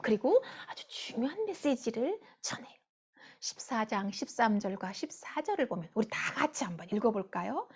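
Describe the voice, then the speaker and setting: A woman's voice: fairly high pitch, moderate pace, husky. A woman preaching a sermon who asks her listeners direct questions and acts out the words of the people she talks about. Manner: lively, acts out quoted speakers in heightened tones. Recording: dull lo-fi recording.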